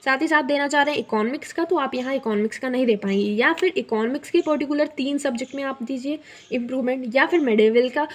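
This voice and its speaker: A woman's voice: sits high, quick pace. A young woman hosting an explainer video, talking conversationally with frequent fillers and words mixed in. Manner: conversational, many fillers, mixes English words into Hindi. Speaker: student guidance youtuber.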